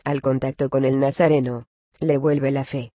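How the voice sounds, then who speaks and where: A man reads a religious commentary aloud in a measured, even cadence. His mid-pitched voice stays nearly level throughout and has a warm, mellow tone. The sound is close and dry. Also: no room sound, muffled recording. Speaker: reader of a religious text.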